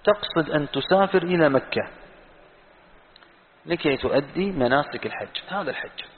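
A man teaching a Quran exegesis lesson, reciting verses slowly and putting questions to his students. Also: fairly high pitch, lively intonation. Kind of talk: classroom tafsir lesson. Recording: tinny phone-like sound in a reverberant hall.

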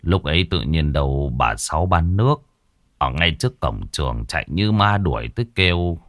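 A man voicing a grieving, poor old grandfather in a ghost story, speaking in a heavy, weary, halting way. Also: very deep voice, expressive, fairly bright tone, dry recording, pitched below the performer's own voice, heavily acted.

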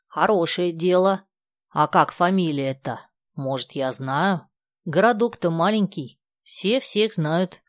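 A woman reading aloud and voicing a kindly, talkative old village woman who speaks in a slow, folksy way. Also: lowish voice, animated, no echo, studio quality. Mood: folksy chatter.

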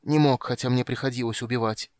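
A man's voice: mid-range voice, steady tone, fast, darkish tone, dry recording, close to an everyday voice. A man reading aloud, voicing an anguished, frenzied old elf king in an audiobook. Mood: shaken. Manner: anguished, crying out.

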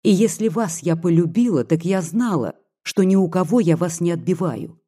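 A devoted, tearful young peasant woman, voiced by an audiobook reader pleads in a soft, earnest way. The tone is dark and mellow with a husky edge. It sounds like a quiet storybook reading. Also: mid-range voice, expressive, moderate pace, lightly acted. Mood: pleading.

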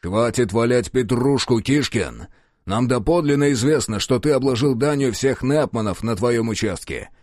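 A man reading an audiobook, voicing a blunt middle-aged police chief who shouts and mocks with gruff scorn. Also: medium pitch, sing-song, measured pace, dry recording, studio quality. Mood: stern. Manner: gruff, scathing, shouting in anger.

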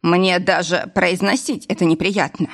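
A woman voicing a weak, breathless older man lying in intensive care, talking slowly between sighs. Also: lowish voice, fairly even intonation. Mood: pleading. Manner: slow, sighing, breathless delivery.

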